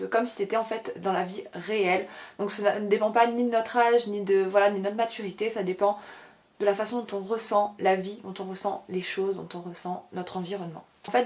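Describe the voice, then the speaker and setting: A young Frenchwoman speaks to her viewers in a steady, earnest way, with an ordinary middle pitch. She often breaks off to correct herself, and she fills the gaps with hesitations. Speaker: author and video blogger. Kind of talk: casual explanatory talk to camera.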